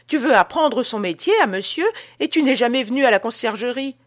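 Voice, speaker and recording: Woman reading as a scolding wife, shrill, high, storybook. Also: expressive, brisk, no room sound, studio quality.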